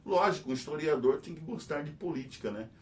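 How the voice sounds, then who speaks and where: A middle-aged Brazilian teacher hosting a news channel, rambling in casual commentary full of fillers and tag questions. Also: male voice, expressive, a little fast, a little mellow. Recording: distant mic with faint rumble.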